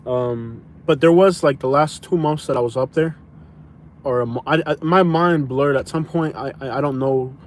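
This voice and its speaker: Answering viewers' questions live, this young man from Florida uses a medium-pitched voice at a moderate pace, with a little hiss or hum on the recording. He's casual and rambling, repeating and restarting himself and calling people "bro".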